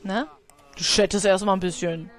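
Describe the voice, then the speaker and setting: A woman's voice: medium pitch, steady tone, normal speed. A woman giving casual let's play commentary, chatting to her game characters and laughing often.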